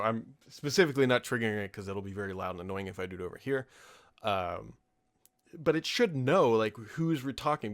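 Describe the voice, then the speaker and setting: An American man in his thirties hosts a tech podcast, answering listener questions with casual, off-the-cuff commentary that's informal, opinionated, and rambling. His voice is medium in pitch and a bit bright.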